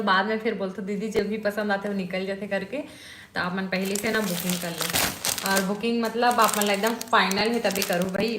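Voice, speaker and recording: Brief: woman with a Chhattisgarhi accent, vlogger selling clothes, coaxing chatter, echoey room, clear background noise. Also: mid-range voice. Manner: chatty, coaxing sales talk with tag questions. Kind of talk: casual sales vlog.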